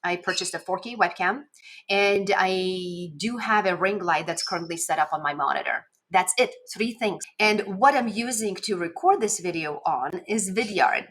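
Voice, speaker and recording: A woman with a Lithuanian accent works as a video coach, speaking conversationally to camera in a casual instructional vlog and stressing key words as she gives encouraging tips. Her voice is lowish and a bit bright, at normal speed. She's indoors in a home office, recorded on a desk microphone at a webcam setup.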